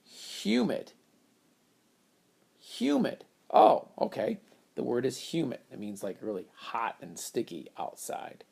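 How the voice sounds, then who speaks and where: A man's voice: fairly low pitch, sing-song, moderate pace, creaky, darkish tone, slightly rough. A man teaching a reading lesson, patiently explaining step by step how to split words into syllables. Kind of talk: phonics lesson at a whiteboard.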